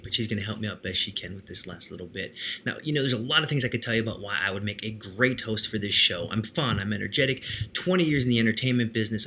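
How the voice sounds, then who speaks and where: A man in his forties giving a cheerful, playful pitch for himself that ends in a sung rhyme over guitar. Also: bright, forceful tone, slight background noise. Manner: cheerful, self-promoting, playful. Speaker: host audition.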